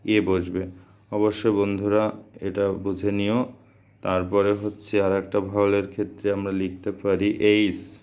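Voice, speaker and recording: Slow, low-voiced man teaching grammar. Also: completely flat delivery, darkish tone, clean tone. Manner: repetitive, asks questions and answers them himself. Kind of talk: classroom grammar lesson.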